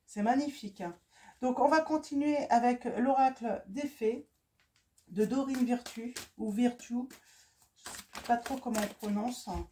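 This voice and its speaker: Female card reader, slightly high and warm, casual, hesitant, lots of repeats and fillers. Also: slight background noise. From France. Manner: halting, with many fillers and repeated words. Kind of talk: casual spoken card reading.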